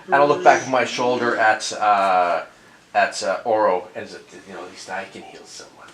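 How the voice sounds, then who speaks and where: A man playing a tabletop game, talking in a halting, playful way with many fillers. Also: lowish voice, steady tone, a crowd in the background. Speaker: player. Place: convention room. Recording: echoey room with faint noise.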